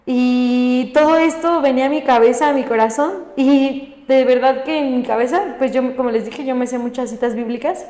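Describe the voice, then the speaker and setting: A woman's voice: high voice, moderate pace, hardly any pauses, warm tone. A woman sharing her personal faith testimony in a podcast conversation, often ending phrases with a questioning tag. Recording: echoey room with long reverb.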